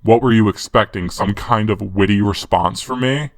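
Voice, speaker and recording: A man's voice: on the low side, normal speed, noisy background. A man narrating a scripted top ten countdown, mock-serious with crude humor. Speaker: video narrator. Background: background music.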